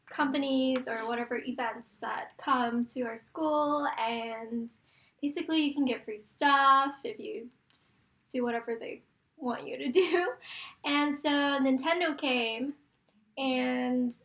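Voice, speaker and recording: Slow, high-voiced young woman telling a story. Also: gravelly, fairly bright tone. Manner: rambling storytelling with lots of fillers. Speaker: podcast co-host. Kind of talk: casual chat.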